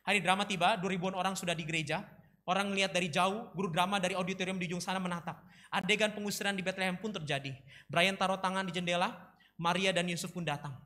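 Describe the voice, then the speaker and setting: A man, a pastor, preaching a sermon and telling a story with lively energy, acting out characters' lines loudly. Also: sits high, quick pace.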